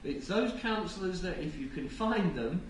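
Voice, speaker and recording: Male conference speaker, rushed and stammering lightning talk with dry asides; distant mic, clearly noisy room. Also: sits high, animated, heavy reverb. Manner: halting, with stammered word repeats. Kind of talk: live public presentation with wry asides. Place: indoor event room with an audience.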